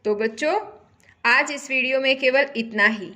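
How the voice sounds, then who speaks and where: A woman teacher walks children through a primary-school lesson at an unhurried pace. Her voice sits a little high. She repeats each example and keeps putting simple questions to her pupils. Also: bright, forceful tone.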